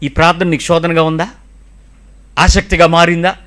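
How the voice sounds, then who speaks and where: A middle-aged male pastor preaching with a high, lively voice. His tone is bright and ringing, and he fires off rhetorical questions and drops in English phrases now and then. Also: moderate pace. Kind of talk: sermon.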